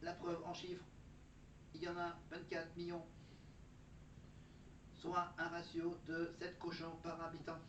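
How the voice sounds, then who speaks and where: A man putting on the flat, monotone voice of a chatbot robot while reading out facts, picked up far from the mic in a dull, noisy recording. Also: a little high, a little slow, long pauses, echoey room. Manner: even, mechanical reading of facts. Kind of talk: factual segment delivered as a robot.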